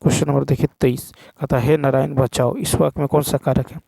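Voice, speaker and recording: A male teacher with a gravelly, dark voice walks through exam questions one at a time. He repeats each key point and keeps checking in with his viewers. The sound is dry and close, with no room echo. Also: medium pitch, fairly even intonation, quick pace. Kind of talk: exam answer walkthrough.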